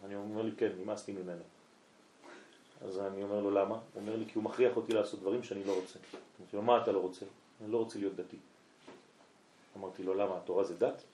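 A man's voice: lowish voice, fairly even intonation, long pauses, mellow, slight background noise. A man, a rabbi, telling a story during a night lesson and acting out both sides of a conversation. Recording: echoey room.

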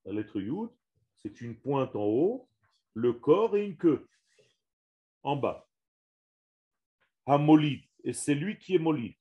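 A man's voice: fairly high pitch, very animated, slow pace, long pauses, lo-fi sound. A man teaching a religious lesson on the Hebrew language to a small group, speaking in an emphatic way, repeating and restarting his words and stressing each Hebrew term.

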